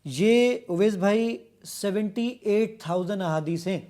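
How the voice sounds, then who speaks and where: A man with a Pakistani Urdu accent demonstrating a software app step by step as a guest in a television studio. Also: high voice. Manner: eager, explanatory, walking through features step by step. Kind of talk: product demonstration on a TV show.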